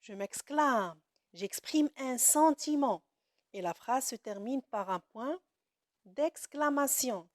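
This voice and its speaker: Woman teacher doing grammar for kids, kinda high voice, super slow, drags out words, lots of praise. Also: no echo, clean studio sound. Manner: slow and deliberate, stretches key words, frequent praise. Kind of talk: grammar lesson for children.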